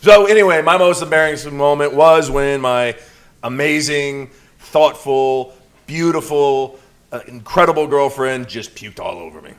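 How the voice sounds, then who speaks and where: A man's voice: medium pitch, unhurried. A man co-hosting a podcast, telling crude stories and teasing his partner in casual chat. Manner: crude, teasing, animated storyteller. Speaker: podcast co-host, promoter.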